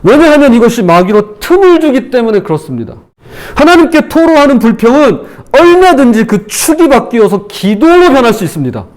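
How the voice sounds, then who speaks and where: A male pastor preaching a sermon in an animated way, acting out the speech he quotes with feeling. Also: very high-pitched, a little fast. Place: church.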